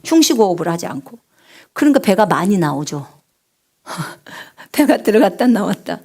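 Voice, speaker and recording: A woman missionary preaching a live sermon on prayer, with a big resonant singer's voice, asking the congregation questions and swinging from loud cries to hushed whispers. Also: medium pitch, big pitch swings, normal speed, gravelly. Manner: asks the congregation questions and answers them.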